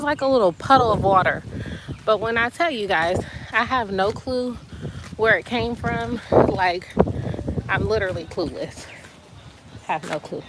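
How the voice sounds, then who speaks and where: A woman's voice: on the high side, background noise. Breathless chatty woman vlogging outdoors. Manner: chatty, animated, says y'all. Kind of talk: casual vlog chat. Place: outdoors walking to the beach. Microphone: phone camera.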